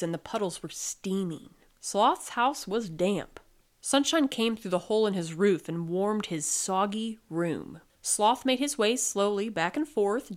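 A woman reads a storybook aloud in a gentle, even way, savoring the playful sound words. Her voice sits at a middle pitch. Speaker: podcast reader.

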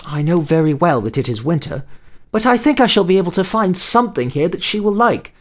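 Kind young heroine, voiced by a man, high, earnest and eager. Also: sing-song, brisk. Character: kind brave young girl, caring friend.

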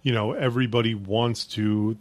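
A male podcast host chatting casually in a jokey, rambling way, with plenty of restarts. His voice is on the low side. The sound is dry and close to the mic. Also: fairly even intonation, normal speed, dry recording. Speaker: podcast host and home care business owner.

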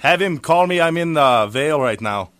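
A man's voice: fairly high pitch, expressive, normal speed, noisy background. A man on a radio show making a prank phone call in an overly polite, formal manner. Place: radio studio.

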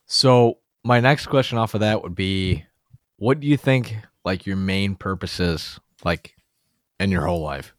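A man with a lowish voice hosts a podcast in a relaxed, conversational way. He asks rambling questions padded with fillers. The recording is dry and close, with no echo. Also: unhurried. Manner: loose, filler-heavy questions. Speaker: podcast host. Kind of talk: casual interview chat.

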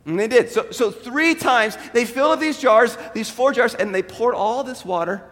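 Lively high-voiced pastor in a reverberant hall. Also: male voice, moderate pace. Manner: animated retelling with voiced quotes. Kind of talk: sermon storytelling.

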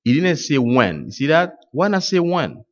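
With big pitch swings at a moderate pace, a man delivers a sermon in English though French is his native tongue, prompting the congregation to fill in his phrases. His delivery shifts from loud, high outbursts to low, hushed asides, captured on dull lo-fi audio.

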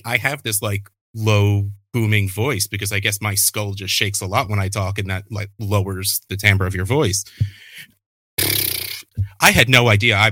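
A fantasy football podcaster in his thirties chats casually, telling animated stories with a self-deprecating streak. His pitch is fairly low and the recording is dry.

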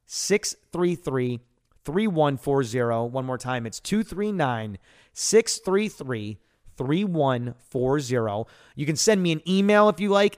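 Higher-voiced American man, emphatic radio host. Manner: emphatic, repeats key phrases. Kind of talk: radio sales talk on insurance.

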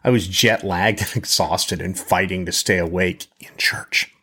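A man's voice: sits low, steady tone, unhurried, pushed and bright, husky. A man teaching a Bible lesson in a conversational way, often repeating words and checking in with his listeners.

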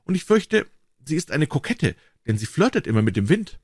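A man's voice: fairly high pitch, very animated, brisk, husky, no room sound, clean studio sound, voice pushed up. A man voicing a small, proud male swallow in a storybook reading, talking in a chirpy, fussy, self-important way. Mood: fussy, peevish.

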